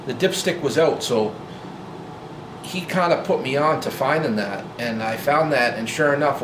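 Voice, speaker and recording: Filming in a garage, a man in his forties talks to the camera about his old truck at a medium pitch. As a vlogger, he's laid-back and meandering, with plenty of fillers and false starts, all over the loud hum of a spacious garage.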